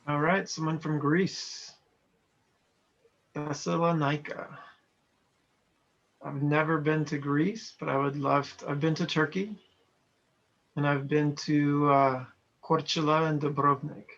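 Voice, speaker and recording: A trainer from Montana, USA chats casually with online participants, reading their chat messages aloud over lo-fi video call audio. His voice is a little high and fairly bright, with fairly even intonation, and he speaks slowly with frequent pauses.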